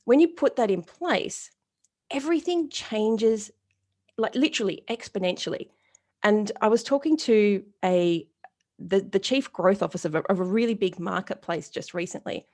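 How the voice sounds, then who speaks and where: Answering an interview with a story, a retail strategist in her forties uses a medium-pitched voice at a normal speed. She keeps it casual and blunt, animated throughout, performing the quoted dialogue of the people she describes.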